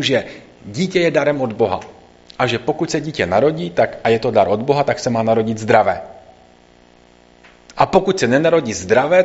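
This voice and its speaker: A man reading a scripture passage aloud and then explaining it in a conversational sermon, in a slightly dull recording. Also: medium pitch. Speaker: preacher.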